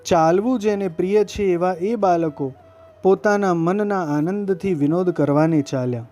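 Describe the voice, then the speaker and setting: Guy reading scripture calmly, warm mellow voice, bit high. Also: measured pace, faint music behind. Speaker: devotional narrator.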